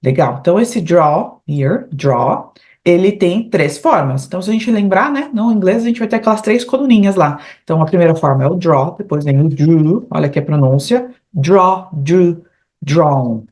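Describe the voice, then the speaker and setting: A Brazilian woman with a Brazilian Portuguese accent, teaching English in an online lesson. She explains patiently, repeats English phrases slowly and often adds "né?" and "tá?" at the end of her phrases. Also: lowish voice, animated, mellow.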